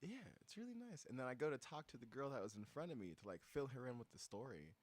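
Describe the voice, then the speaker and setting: A man co-hosting a podcast, telling a story in casual chat with lively delivery and lots of laughter. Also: medium pitch, quick pace, no room sound. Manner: animated storyteller, acts out quoted voices, laughs often. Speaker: podcast co-host.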